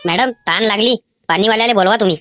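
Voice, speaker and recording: For an animated cartoon, a woman voices a naughty schoolboy who begs and whines his way toward cheating on an exam, speaking with a Vidarbha Marathi accent. Her medium-pitched, fairly bright voice moves at a quick pace and stays close to natural, with faint music behind it.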